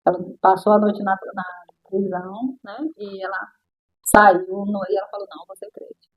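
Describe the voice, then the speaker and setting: A woman's voice: mid-range voice, level tone, normal speed, slightly rough, dull audio. A middle-aged woman with a Brazilian accent, a guest sharing her personal testimony in an interview and acting out the voices of the people in her story.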